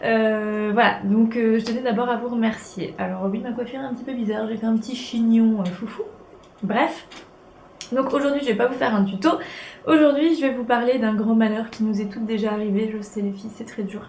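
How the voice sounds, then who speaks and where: A young woman with a cold sniffles through a beauty tutorial at home, chatting in a bubbly, casual way full of fillers. Her voice is on the high side and darkish in tone, brisk, with fairly even intonation. The room is echoey with faint noise.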